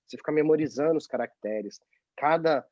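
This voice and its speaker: Over lo-fi video-call audio that's dry and dull, a man on the high side speaks a little fast with a Brazilian Portuguese accent. He's a journalist abroad appearing as an interview guest, animated and casual, often ending remarks with tag questions.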